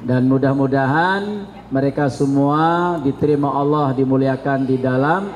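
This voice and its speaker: A man in his fifties, an Islamic studies lecturer from South Sumatra, talking to students in a slow, chatty, joking way. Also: mid-range voice. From South Sumatra, Indonesia. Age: 50s. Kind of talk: classroom talk to students. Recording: reverberant hall with faint background noise.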